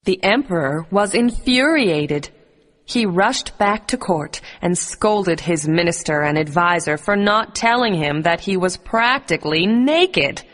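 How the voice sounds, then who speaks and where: A woman reading a scripted bedtime story for children in a clear, expressive storybook delivery. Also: on the low side, unhurried.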